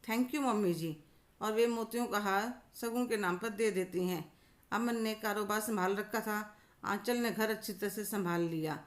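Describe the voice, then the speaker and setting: A woman telling a scripted family story in a calm, steady voice. Her pitch sits in the middle of the range. The delivery is smooth, even storytelling. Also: normal speed.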